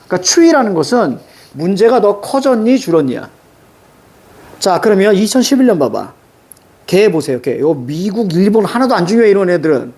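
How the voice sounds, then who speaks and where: A male teacher giving a classroom lecture on exam questions, brisk and instructive, checking in often with quick rhetorical questions. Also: sits high, very animated, darkish tone. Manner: brisk, instructive, keeps students marking text.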